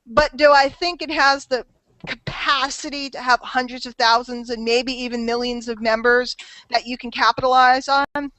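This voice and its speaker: A woman's voice: high-pitched, fairly even intonation, moderate pace, pushed and bright, no echo, rough recording. A woman hosting a casual group call, chatty, teasing and persuasive. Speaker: host of a marketing call.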